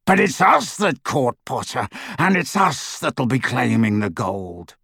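A menacing brute who growls his words low and slow, voiced by a man reading a storybook. The voice is rough and husky, heard close and dry. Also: very animated, pushed and bright, no echo, exaggerated voice. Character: menacing, gruff man who is a brutish hunter.

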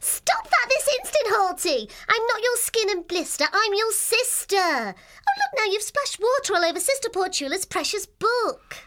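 A woman voicing a gentle, kind young female hare who tells stories in a well-spoken way. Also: very high voice, big pitch swings, moderate pace, full character voice.

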